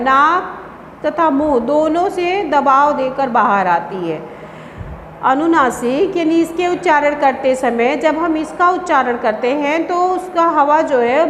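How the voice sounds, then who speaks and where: A woman teacher explaining a lesson patiently, asking and answering her own questions. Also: high voice. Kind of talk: classroom lesson. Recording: echoey room with faint hiss.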